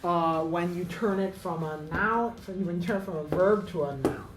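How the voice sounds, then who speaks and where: A woman's voice: fairly low pitch, moderate pace, echoey room, poor audio. A woman teaching English pronunciation in a casual lesson, thinking aloud with many fillers and self-corrections.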